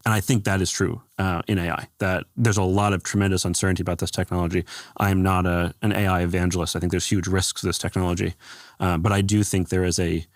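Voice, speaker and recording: Man, very low gravelly voice, dry booth sound; measured policy guest who pauses on fillers. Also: little pitch movement, no echo. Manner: measured, thoughtful, with frequent fillers. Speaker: guest, former government AI adviser. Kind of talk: interview answers.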